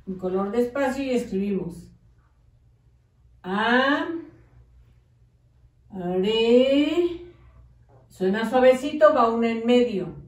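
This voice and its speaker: A woman teaching a slow early-literacy lesson, drawing out syllables and coaxing children to follow along. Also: on the high side, expressive, darkish tone. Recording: echoey room, mic at a distance.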